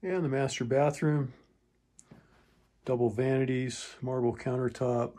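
This is property walkthrough narration inside a wooden townhome, delivered by a man playing real estate agent. His medium-pitched, mellow voice stays fairly even and a little slow as he ticks off features in short, clipped bits.

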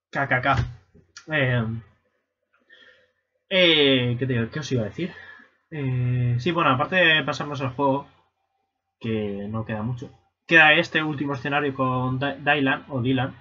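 Young man, gaming streamer, bright edgy voice, excitable, lo-fi mic sound. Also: fairly high pitch. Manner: excitable, swearing, bursts into shouts and silly voices. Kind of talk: casual let's-play commentary.

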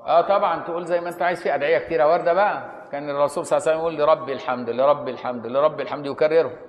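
In a large hall, a man with an Egyptian Arabic accent teaches Islamic jurisprudence in a conversational lecture, talking rapidly in a slightly high voice. He often pauses to check whether the students are following.

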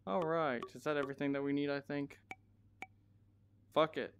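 A man's voice: on the high side, moderate pace, slight background noise. A man giving casual, profane commentary to himself while playing a shooter game. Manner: profane, excitable, talks to himself.

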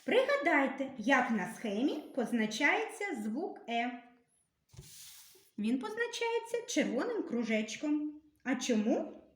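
Woman teacher, slightly high voice, slow and careful, reading letters for kids; roomy echo. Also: very animated. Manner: slow, careful, instructive, clearly sounding out letters. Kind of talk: literacy lesson for young children. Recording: echoey room.

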